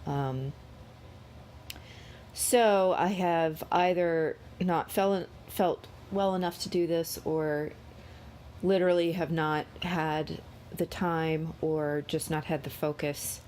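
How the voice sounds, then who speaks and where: Casting: woman, casual tarot vlogger, low-pitched, unhurried and halting, low energy, under the weather with a cold. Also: fairly even intonation, a little mellow, a little hiss or hum. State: unwell, coming down with a cold. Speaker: host of a daily tarot reading. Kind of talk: casual spiritual vlog talk.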